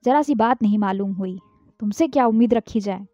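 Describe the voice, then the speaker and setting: A woman's voice: mid-range voice, brisk, mellow, dry recording, faint music behind, lightly acted. A woman reading the part of a stern middle-aged father who gives his son curt orders, in a dull, dry, lo-fi recording. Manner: curt, commanding.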